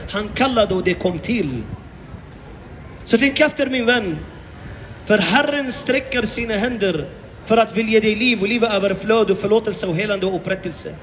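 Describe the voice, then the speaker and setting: A man's voice: very high voice, a bit bright, in a large hall, a little hiss or hum. A man preaching to passers-by outdoors on a city street, impassioned and full of repeated rhetorical questions. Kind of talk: open-air evangelistic preaching.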